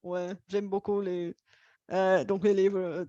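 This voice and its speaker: A woman from Bulgaria, speaking a language that is not her own, talks very slowly and keeps pausing on fillers as she hunts for words. Her voice sounds dry and close. The recording is dull and lo-fi. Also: mid-range voice, level tone, warm tone, dry recording. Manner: hesitant, many fillers while searching for words. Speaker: host. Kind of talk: casual multilingual conversation.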